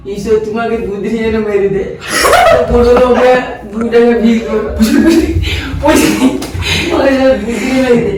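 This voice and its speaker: A man's voice: very high-pitched, fairly even intonation, moderate pace. A man playing a hungry, persistent street beggar who pleads repeatedly in an amateur vlog prank. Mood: insistent. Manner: pleading, repetitive begging. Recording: very echoey, distant mic, some noise.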